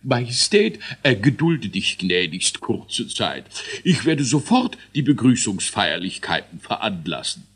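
A man's voice: lowish voice, very animated, unhurried, a bit bright, slightly rough, heavily acted. Man doing a stiff, formal dwarf minister. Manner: ceremonious, formal.

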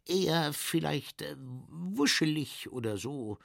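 A good-natured, naive dragon from a children's storybook ponders each question earnestly, as a man voices him. The voice sits a little higher, slow and gravelly. It is recorded close and dry. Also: animated, no echo, exaggerated voice. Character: naive friendly male dragon.

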